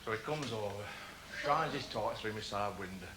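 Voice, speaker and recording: Wry Brummie comedian on stage. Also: male voice, lowish voice, normal speed, background noise. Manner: wry, deadpan storytelling. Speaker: stand-up comedian. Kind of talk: stand-up storytelling. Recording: live stage mic, loud crowd laughter.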